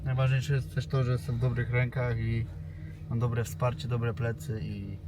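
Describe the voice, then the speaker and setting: A man speaking quietly and steadily after his fight. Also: medium pitch, little pitch movement, normal speed. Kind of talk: short post-fight remarks.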